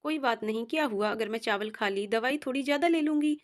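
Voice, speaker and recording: A woman reading as an ailing old mother, gentle and pleading. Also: fairly high pitch, fairly quick, natural voice.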